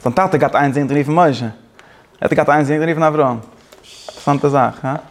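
A man teaching a Torah class, talking fast with many restarts and mixing in Hebrew and English phrases. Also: on the high side. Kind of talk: Talmud-style lecture.

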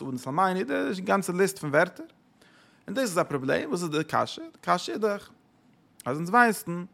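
A man's voice: a little high, vocal fry, fairly bright tone. A male religious teacher lecturing on a text, asking rhetorical questions, repeating phrases and mixing in English words.

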